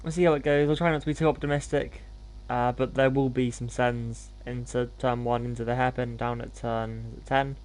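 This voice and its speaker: A man's voice: medium pitch, little pitch movement, moderate pace, few pauses. A man hosting a gaming livestream, talking in an informal, laid-back, self-deprecating way as he commentates. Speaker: live streamer hosting gameplay.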